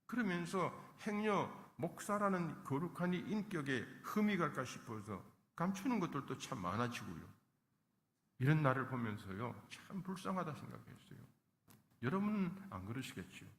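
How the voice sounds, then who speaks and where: A man's voice: on the high side, very animated, moderate pace, fairly bright tone. A male pastor preaching a sermon with emphasis, acting out the lines he quotes. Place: church sanctuary. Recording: echoey church hall.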